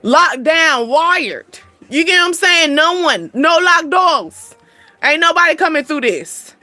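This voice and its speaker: Woman doing a card reading, high bright voice, slangy and blunt, laughs a lot, dry sound. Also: lively intonation, slow, no echo, soft background music. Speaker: spiritual card reader and channel host. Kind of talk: casual card reading to viewers.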